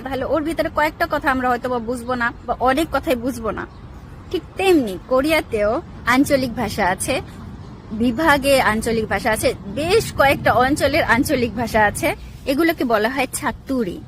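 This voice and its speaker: A woman's voice: fairly high pitch, a little hiss or hum. A woman from Bangladesh talking to her viewers in a casual vlog, explaining things and advising them directly. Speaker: vlogger.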